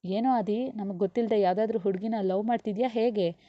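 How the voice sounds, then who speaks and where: A woman's voice: medium pitch, brisk, dry recording, lo-fi sound, natural voice. A woman voicing a middle-aged father who teases and chides his family. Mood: teasing.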